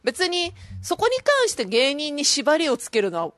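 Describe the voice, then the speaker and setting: A woman's voice: high-pitched, huge pitch swings, normal speed, crowd noise. A woman, co-hosting a radio show and telling stories in casual chat. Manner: chatty, storytelling, laughs easily.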